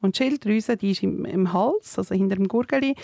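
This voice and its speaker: A woman in her thirties with a Swiss German accent, co-hosting a podcast and telling stories in a lively way with frequent laughs. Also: medium pitch, creaky, no echo, clean studio sound. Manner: animated storytelling, quick to laugh. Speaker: podcast co-host. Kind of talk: casual chat.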